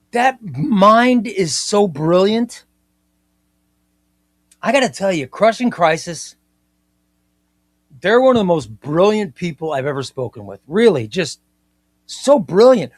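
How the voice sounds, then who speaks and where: Reading viewer comments on his comic book livestream, a man in his fifties chats casually and enthusiastically, often saying things more than once. His voice is high-pitched, and the recording has no echo.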